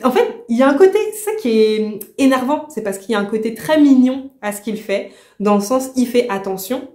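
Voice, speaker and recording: A woman vlogger casually reviewing a book, indignant and animated, with slangy talk. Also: on the high side, a little fast. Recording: roomy echo.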